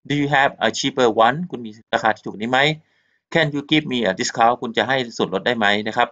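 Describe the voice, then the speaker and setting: A man's voice: mid-range voice, moderate pace, a bit bright. A man from Thailand with a Thai accent teaching an English lesson, repeating polite particles and mixing Thai and English explanations. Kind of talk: recorded textbook lesson. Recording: muffled lo-fi recording.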